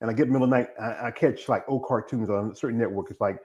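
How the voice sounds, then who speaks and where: Hosting a bodybuilding live stream, this man in his fifties chats loosely and wanders from one tangent to another. He speaks at a racing pace in a medium-pitched, dark voice, and the audio sounds dull.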